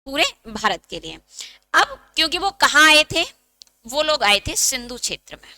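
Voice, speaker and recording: A woman's voice: high voice, big pitch swings, normal speed, sharp tone. A woman teaching a Hindi exam-prep lecture, asking questions and answering them herself, and dictating note points.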